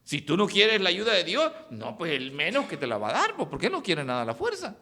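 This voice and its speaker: A male pastor preaching a sermon, animated, with sudden swings in his voice. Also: high voice, fairly quick. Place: church hall. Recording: echoey church hall.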